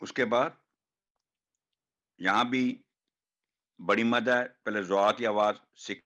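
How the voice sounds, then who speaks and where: A man teaching Quran recitation, demonstrating hard words slowly and repeating each one. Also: on the low side, fairly even intonation, sharp tone. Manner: slow, drawn-out demonstration of each word, repeated. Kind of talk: online pronunciation class.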